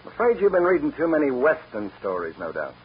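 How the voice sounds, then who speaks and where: A man's voice: fairly high pitch, wildly swooping pitch, fast talker, exaggerated voice. An actor playing a shifty, folksy ranch foreman with a drawling, evasive manner, in 1940s radio acting. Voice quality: raspy. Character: shifty, folksy man running a cattle ranch. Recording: dull old radio broadcast.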